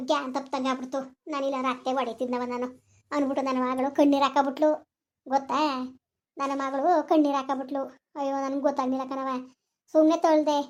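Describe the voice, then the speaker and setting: A woman's voice: high voice, natural voice. A woman playing a quarrelsome elderly village grandmother who scolds and rants, appealing to her listeners in a comedy skit.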